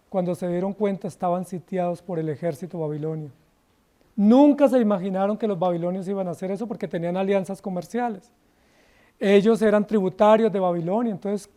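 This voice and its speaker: A man from Colombia with a Colombian Spanish accent, a pastor preaching a sermon with rhetorical questions, slowing down to stress key words. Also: high voice, dark tone.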